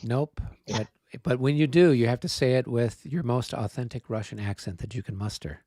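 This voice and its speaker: A man's voice: mid-range voice, normal speed, dark tone, no echo, clean studio sound. A man hosting a livestream of a tabletop wargame, chatting casually and laughing often. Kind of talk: casual chat.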